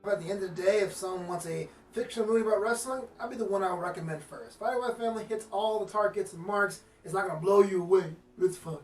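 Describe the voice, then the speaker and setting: A man co-hosting a casual review chat about wrestling films, animated and slangy. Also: high-pitched, fast, few pauses, reverberant, recorded from a distance, soft background music.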